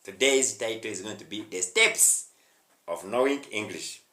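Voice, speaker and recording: A young Rwandan man with a Rwandan accent teaches a spoken English lesson, speaking emphatically and often checking in with listeners using "huh?" and "hmm?". His voice is on the low side, expressive and sharp in tone, at normal speed, with a roomy sound.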